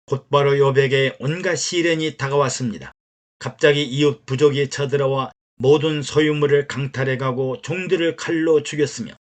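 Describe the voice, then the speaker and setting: A man, a pastor, reading a sermon that retells stories, in a measured, steady way. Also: on the high side. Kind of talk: read sermon narration.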